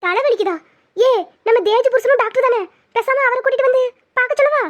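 A performer uses an extremely high, fairly bright voice at a fairly quick pace to play an anxious middle-aged mother. She pleads and fusses, repeatedly asking worried questions about her daughter, and the recording has a dull lo-fi sound.

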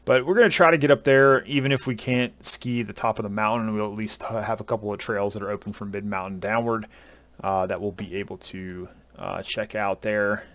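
A man, chatting casually to camera through a headset at home, relaxed and rambling with many uhs and ums. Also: lowish voice, fairly quick, dry recording. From Southern US. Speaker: ski vlogger. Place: home room at a desk.

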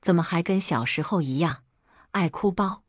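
A woman's voice: fairly low pitch, normal speed, no room sound, studio quality, lightly acted. A woman voicing a teasing young man who is doting and smug, speaking in a playful, coaxing way.

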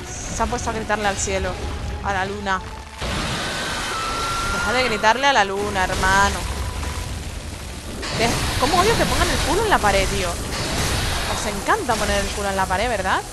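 A woman's voice: mid-range voice, normal speed, long pauses, over loud music. A young woman streaming a video game, chatting with viewers and her partner and yelping in panic when enemies attack. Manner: excitable, yelps and shrieks in panic during fights. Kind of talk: live gameplay commentary.

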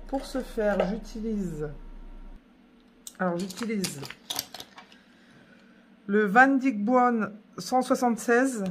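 A woman walks viewers through her coloring in an easy, conversational voice-over. She hesitates often and fills the gaps while she works. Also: mid-range voice. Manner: chatty, hesitant, many fillers. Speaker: coloring tutorial host. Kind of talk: casual voice-over tutorial.

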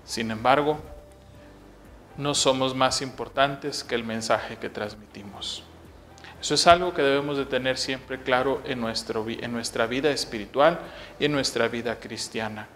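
A man with a Mexican accent, reading the gospel and giving a reflection as a parish preacher, in a measured, solemn way that slows on closing phrases. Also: medium pitch, fairly bright tone, faint music behind. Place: parish church. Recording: long reverb with faint background noise.

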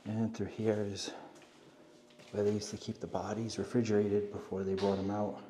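A man's voice: fairly low pitch, flat delivery, moderate pace, warm tone. A man casually narrating as he walks through an abandoned hospital, pointing things out with many fillers. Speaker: urban explorer vlogger. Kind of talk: walkthrough narration.

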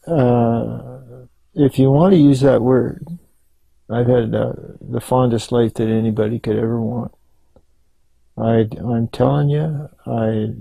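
Older male interviewee, gravelly and husky, halting storyteller, dry close sound. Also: medium pitch, warm tone, no room sound, poor audio. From Canada. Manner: halting, rambling storytelling with many restarts. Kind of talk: oral history interview.

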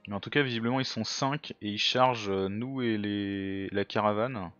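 Male gamer, lower voice, casual thinking-aloud commentary, self-mocking; dull lo-fi mic, soft music bed. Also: normal speed. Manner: thinks aloud, muttering to himself. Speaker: let's play gamer.

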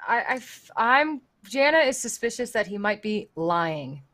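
A woman's voice: mid-range voice, big pitch swings, unhurried, fairly bright tone. A woman chatting casually and bantering as a player in a tabletop game.

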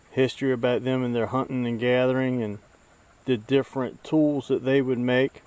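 A man's voice: medium pitch, darkish tone. A middle-aged man narrating a hike as he films it outdoors on a woodland trail, talking in an easygoing, folksy, plain-spoken way. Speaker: bushcraft channel host. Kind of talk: casual narration while filming on a hike.

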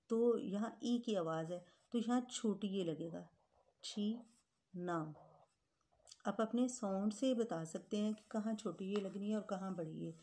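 A woman's voice: medium pitch, dark tone. A woman teaching a grade-school Urdu grammar lesson, patiently spelling words out letter by letter and calling her pupils children.

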